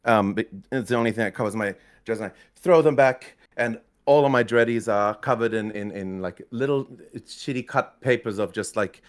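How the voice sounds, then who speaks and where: A man chatting casually as a tabletop player, improvising in halting, repeated phrases. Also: lowish voice. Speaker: tabletop role-playing player. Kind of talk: casual improvised role-play chat.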